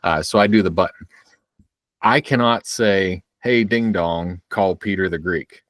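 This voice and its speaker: Lower-voiced easygoing male podcast host. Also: measured pace, a bit bright, no room sound. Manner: easygoing storytelling with hedging fillers. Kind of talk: casual chat.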